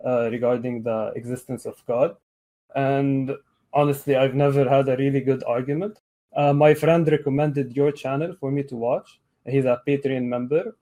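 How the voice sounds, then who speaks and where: On a video call, a Lebanese man in his thirties joins a casual debate as a caller, speaking hesitantly with many fillers and restarts. His voice is mid-range and dark.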